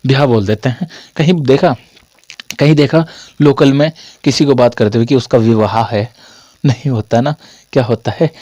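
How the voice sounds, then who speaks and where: A man's voice: mid-range voice, darkish tone, no echo, studio quality. A young man teaching a casual online Hindi grammar lesson, chatty and repetitive, with a sore throat from a cold. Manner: chatty, repetitive, jokey asides to students.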